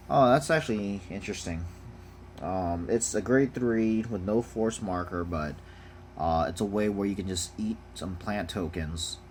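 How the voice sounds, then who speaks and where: This unboxing vlogger's voice sits low, with a little hiss or hum in the audio. He chats easygoingly while reviewing trading cards, reading their text and giving short opinions.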